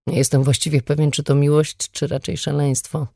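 A woman's voice: deep voice, little pitch movement, brisk, creaky, a little mellow, husky, dry recording, studio quality, exaggerated voice. A woman reading the lines of a skeptical brother in a wry, matter-of-fact way. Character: skeptical adult brother, calm and dry. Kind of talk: audiobook reading.

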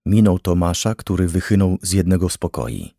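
Male audiobook narrator, very deep voice, dry studio sound, steady and grave. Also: fairly quick, dry recording. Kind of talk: scripted narration.

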